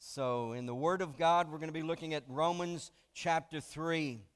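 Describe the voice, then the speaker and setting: Male pastor, higher register, animated sermon delivery with lots of "I mean" asides. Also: moderate pace, clear, resonant tone. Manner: animated storytelling with frequent "I mean".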